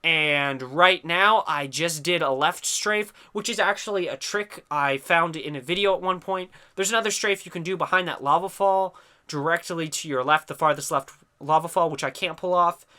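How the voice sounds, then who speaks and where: Stuffy-nosed young gaming commentator, bright voice. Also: male voice, a little high, moderate pace, clear, resonant tone. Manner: chatty, explanatory, trails off with "I don't know". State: stuffy from a sinus infection. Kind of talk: recorded game commentary.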